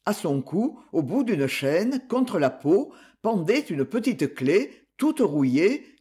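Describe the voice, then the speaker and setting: A man reading a classic literary story aloud in a measured, expressive audiobook narration. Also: high-pitched, husky. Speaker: reader.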